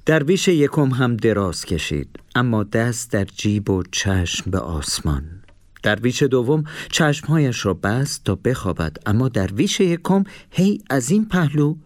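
A man narrating a children's story in an expressive storytelling manner. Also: medium pitch, dry recording.

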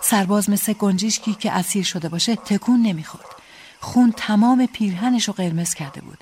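A woman's voice: medium pitch, darkish tone, slight background noise. A woman reading a first-person story aloud in a dramatic, tense storytelling manner. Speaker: audiobook narrator.

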